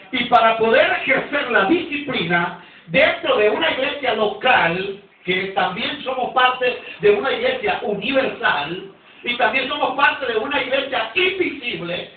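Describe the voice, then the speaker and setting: Man, Nicaraguan pastor, very high voice, emphatic sermon, heavy echo, tinny distant recording. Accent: Nicaraguan Spanish. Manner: emphatic, calls for congregation responses; repeats and restarts phrases. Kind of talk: Sunday school teaching sermon. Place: church hall. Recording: distant, echoey, phone-like church recording.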